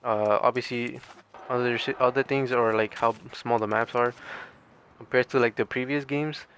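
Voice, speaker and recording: A man making gaming videos comments casually and hesitantly on gameplay, rambling as his voice starts to strain and give out. He speaks at a moderate pace with a steady tone, medium pitch, and a clear, resonant, slightly bright sound.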